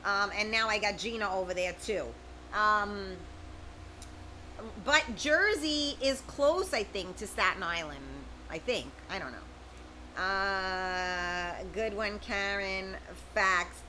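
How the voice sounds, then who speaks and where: A middle-aged woman hosts a casual livestream, reading viewer comments and chatting informally with people by name. Her medium-pitched voice is slow, pushed and bright, and the poor audio carries slight background noise.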